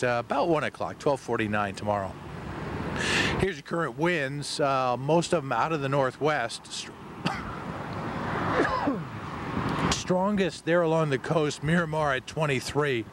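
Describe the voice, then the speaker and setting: American TV weatherman, noisy outdoor live shot. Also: mid-range voice. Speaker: TV weather forecaster. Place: outdoors on a city waterfront at night. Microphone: handheld microphone.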